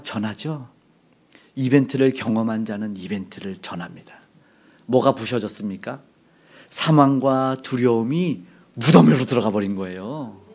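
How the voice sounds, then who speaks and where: Animated Korean male pastor preaching. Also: medium pitch. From South Korea. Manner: animated preaching, rhetorical questions, rising to near-shouts. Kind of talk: sermon. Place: church sanctuary.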